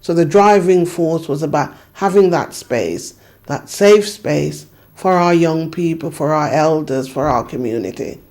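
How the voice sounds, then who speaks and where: A woman in her fifties speaks in an interview with a gravelly, fry-tinged voice. She reminisces thoughtfully and earnestly, circling back on her phrases with a steady "you know". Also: deep voice, unhurried. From Jamaica. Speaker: community activist. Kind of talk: reflective interview recollection.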